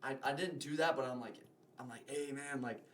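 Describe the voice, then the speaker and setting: A man's voice: medium pitch, fairly quick, background noise. A young man, a podcast guest, telling a story in casual, rambling talk full of filler words.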